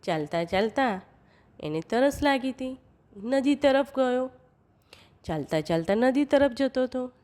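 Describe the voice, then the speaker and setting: A woman narrating a children's story, chanting a repeated refrain slowly and talking to the kids directly. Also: high voice, animated, a little mellow.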